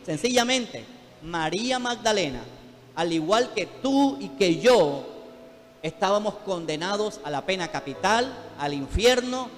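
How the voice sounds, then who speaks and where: A man's voice: high-pitched, lively intonation, measured pace. A man preaching a fervent sermon as pastor in a church, calling out to the congregation. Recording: long hall reverb, faint music behind.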